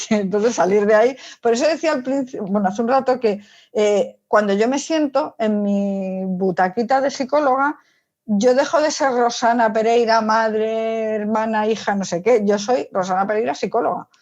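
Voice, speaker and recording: A psychologist giving an interview explains her views in an informal, emphatic style, frequently using rhetorical questions. Her slightly high voice has a darkish tone and normal speed, and the recording is dull and lo-fi.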